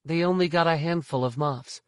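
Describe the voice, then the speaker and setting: A man putting on a steady young Jedi woman. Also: a little high, normal speed, no echo, studio quality, pitched above the performer's own voice, lightly acted. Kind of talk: audiobook narration.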